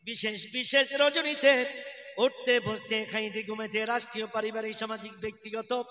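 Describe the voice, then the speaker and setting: A preacher voicing a merciful saintly warrior hero, declaiming in a high ringing voice. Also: male voice, fairly even intonation, normal speed, sharp tone. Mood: fervent. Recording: echoey PA with long reverb.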